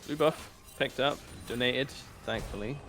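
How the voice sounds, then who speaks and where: A tired man calling a live esports match play by play. His voice is mid-pitched and climbs sharply when a big play lands. Faint music plays behind him. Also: unhurried, a bit bright. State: tired, yawning. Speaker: esports caster.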